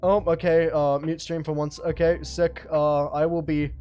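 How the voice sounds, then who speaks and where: A man's voice: a little high, flat delivery, moderate pace, mellow, clear, resonant tone. A young man hosting a live stream, chatting casually and reflectively, often stumbling and restarting his sentences. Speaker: livestream host. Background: lo-fi music.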